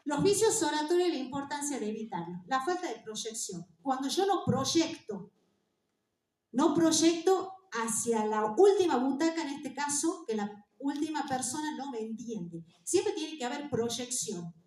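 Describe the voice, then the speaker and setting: A theatre director with an Argentine accent teaching public speaking to a live audience, lively and demonstrative, speaking straight to the room. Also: female voice, high voice, measured pace. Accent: Argentine Spanish. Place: hall with an audience. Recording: echoey hall, mic at a distance.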